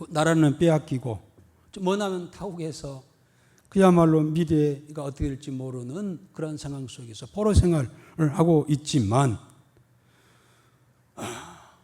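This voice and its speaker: Animated, high-voiced male pastor preaching. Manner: emphatic, rhetorical questions, repeats key words. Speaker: senior pastor. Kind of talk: sermon.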